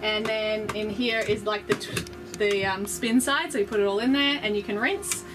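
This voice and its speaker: A woman vlogger gives an upbeat, casual tour of her sailboat's small cabin, explaining her gear and saying "um" often. Her medium-pitched voice comes through a nearby handheld camera with poor audio quality.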